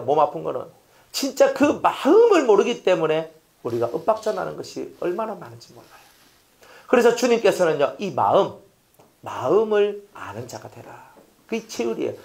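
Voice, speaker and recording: A man preaches a sermon with a very animated, rising and falling melody. He presses his points with repeated rhetorical questions. His delivery lurches between forceful appeals and hushed, almost whispered lines. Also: high voice, vocal fry. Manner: emphatic preaching that swings between loud appeals and near-whispers; repetitive, rhetorical questions to the congregation. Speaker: pastor.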